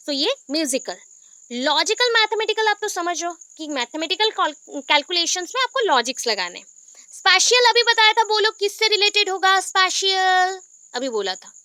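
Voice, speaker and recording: A woman's voice: sits high, sharp tone, no room sound. A woman with an Indian accent giving a revision lecture in a mix of Hindi and English, repeating key terms, spelling words out and quizzing her students. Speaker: teacher.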